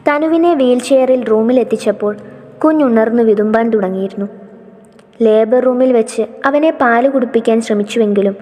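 A woman's voice: fairly high pitch, dark tone. Woman narrating a story in a long-reverb room. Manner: reads all characters' lines herself with small shifts in tone.

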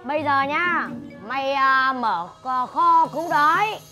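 Commanding village elder, brisk and stern, high pitch, music bed. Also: female voice. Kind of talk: comedy film acting. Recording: music under dialogue.

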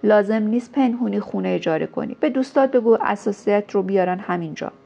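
A woman's voice: mid-range voice, creaky, mellow. A woman reading a novel aloud, voicing a proud, commanding young man who talks in a stern, raised, insistent way. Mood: subdued. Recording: dull lo-fi recording.

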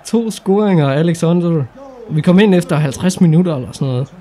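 A young Danish man commenting on his own football game playthrough, excitable and casual, shouting at big moments. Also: fairly high pitch. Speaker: gaming YouTuber. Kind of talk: excited let's-play commentary.

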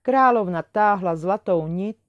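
A woman reading a fairy tale aloud in an expressive storybook manner. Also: medium pitch, dry recording, dull audio.

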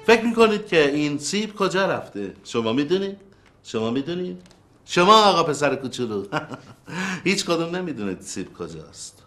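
A clownish sitcom magician, fairly high-voiced, hamming up his patter like a kids' show. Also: big pitch swings, a bit bright. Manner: clownish, playful showman talk. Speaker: sitcom character, amateur magician. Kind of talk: sitcom acting.

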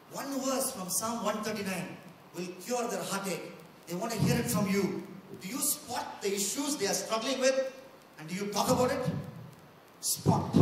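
A man's voice: fairly bright tone, a little hiss or hum. Indian man preaching in an echoey hall. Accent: Indian English. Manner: emphatic, acts out quotes with raised pitch. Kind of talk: sermon. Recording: echoey hall, mic at a distance.

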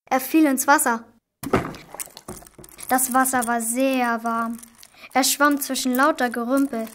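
A primary-school-age girl reads scripted storybook narration as the narrator, in a high female voice with a steady tone and slow pace. The amateur recording is clearly noisy, with clicks.

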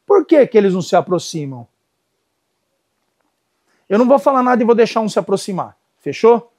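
A man's voice: high-pitched, a little fast. A middle-aged Brazilian man, a dog trainer, telling stories and giving commands to dogs and helpers in a casual lesson. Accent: Brazilian Portuguese. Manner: animated storytelling, gives commands to dogs and helpers. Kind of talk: casual instructional talk.

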